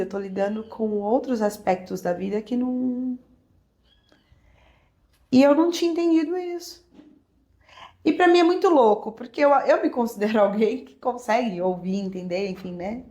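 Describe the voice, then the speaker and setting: A woman with a Brazilian Portuguese accent, a podcast guest telling a personal story in a reflective, emotional way with many soft fillers. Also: fairly high pitch, normal speed, highs cut off. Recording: echoey room.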